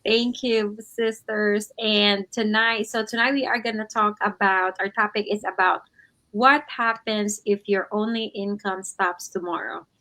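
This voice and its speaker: A woman's voice: medium pitch, steady tone, unhurried, pushed and bright. A woman from the Philippines hosting an online talk show, chatting casually and using many fillers. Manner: chatty, filler-heavy, easygoing. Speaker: host.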